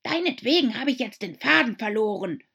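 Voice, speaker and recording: Lady doing a touchy little storybook mouse, sighs a lot, slow, kinda husky. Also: mid-range voice, big pitch swings, mellow, voice pushed up, full character voice. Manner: sighing and touchy. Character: touchy, sighing small female mouse.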